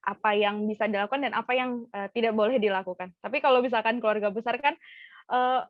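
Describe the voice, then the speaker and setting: A woman's voice: a little high, quick pace, dry recording. A woman hosting a casual podcast interview, chatty with many fillers and affirming murmurs. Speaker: podcast host. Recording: dull dry lo-fi sound.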